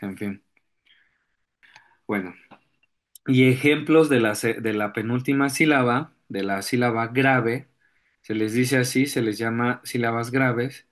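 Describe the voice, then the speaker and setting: A male teacher giving a virtual class, explaining step by step, pausing to search for examples and often clearing his throat. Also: medium pitch.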